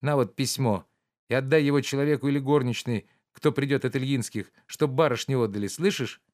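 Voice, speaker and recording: A man's voice: mid-range voice, brisk, a little mellow, voice pushed up, close to an everyday voice. A man reading the part of an anxious, irritable idle nobleman who frets and scolds his servant. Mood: fretful. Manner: fretful, peevish scolding.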